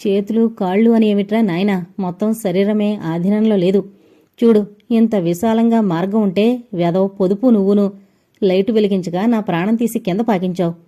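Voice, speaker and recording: A woman's voice: mid-range voice, fairly even intonation, moderate pace, dark tone, highs cut off, lightly acted. A woman voicing a tired man who complains after crawling through a cave. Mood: grumbling. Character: grumbling tired male friend, sore from crawling.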